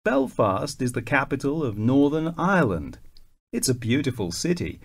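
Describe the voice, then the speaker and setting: A man reading a self-introduction for a listening exercise, spelling out his name clearly. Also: mid-range voice, sing-song. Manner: slow, clearly enunciated, spells out names. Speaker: exam recording reader.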